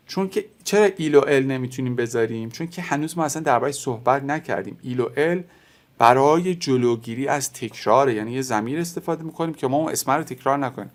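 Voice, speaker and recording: A man whose first language is Persian, teaching a beginners' French lesson, explaining step by step and slowly repeating example words. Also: medium pitch.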